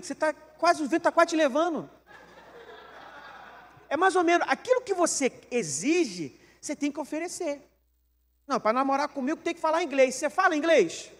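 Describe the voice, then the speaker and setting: A man with a Brazilian Portuguese accent, a pastor giving a joking, animated sermon full of questions to the congregation. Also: very high voice, moderate pace, in a large hall.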